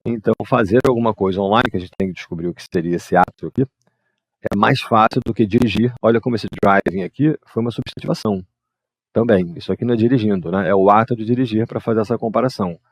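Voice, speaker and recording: A man, teaching English grammar and patiently explaining exercises, reading the English examples slowly. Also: on the low side, no echo. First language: Portuguese.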